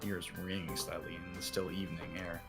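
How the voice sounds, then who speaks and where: A man's voice: low voice, flat delivery, fairly quick, vocal fry, loud music behind the voice. A man reading a visual novel aloud as its narrator and lead, using a put-on cowboy drawl.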